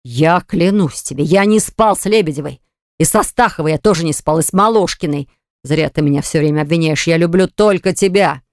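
A reader voicing a callous small-company boss who defends himself in slow, indignant tones. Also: male voice, fairly high pitch, no room sound, studio quality, close to an everyday voice. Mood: defensive. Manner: slow, indignant, self-justifying.

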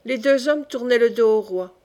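Lectrice d'audiobook, voix de femme un peu aiguë, lecture posée d'un roman classique. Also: female voice, a little high, moderate pace, warm tone. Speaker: audiobook reader. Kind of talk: audiobook narration.

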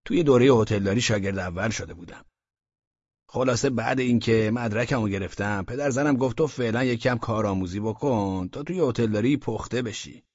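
A man's voice: fairly low pitch, darkish tone, breathy edge, dry recording, muffled recording. A man voicing a boastful, talkative grown man who complains while telling his own story in an audiobook. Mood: aggrieved boasting. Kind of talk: audiobook character reading.

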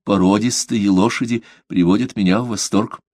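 A man voicing a devout male merchant who answers politely, measured and quietly firm, in an audiobook. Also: fairly low pitch, steady tone, dry recording, studio quality, close to an everyday voice. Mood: composed. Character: calm devout male merchant under questioning. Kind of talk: audiobook character reading.

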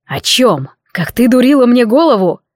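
A woman voicing a drunk, jealous young lord who growls his threats hoarsely in an audiobook. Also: a little high, very animated, moderate pace, dry recording, clean studio sound. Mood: bitter.

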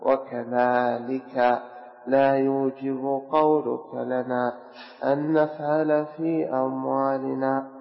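A man reading a religious commentary aloud to a teacher in a measured, slightly sung recitation. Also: medium pitch, level tone, creaky. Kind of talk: chanted reading of a religious text. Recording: dull recording in a reverberant hall with faint music.

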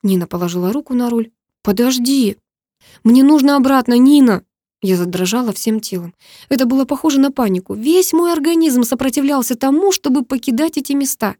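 A woman reads a first-person romance audiobook in an emotive, intimate way. Her voice is fairly high yet mellow and soft-toned. The close, dry studio recording has no room sound at all. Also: animated, fast talker, dry recording. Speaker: audiobook narrator.

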